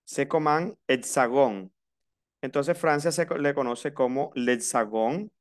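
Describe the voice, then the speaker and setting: Man, Colombian Caribbean coast accent, language teacher, smooth clear voice, patient, repeats words. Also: mid-range voice, slow pace. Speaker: French teacher. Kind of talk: classroom lesson, mixing Spanish and French.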